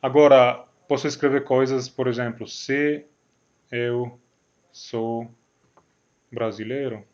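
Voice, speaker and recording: A man's voice: mid-range voice, fairly even intonation, takes it slowly, pauses often, darkish tone, lo-fi sound. Italian man giving a hesitant math lecture. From Italy. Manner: hesitant, many fillers and restarts, checks in with "né? certo?". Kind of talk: recorded video lecture.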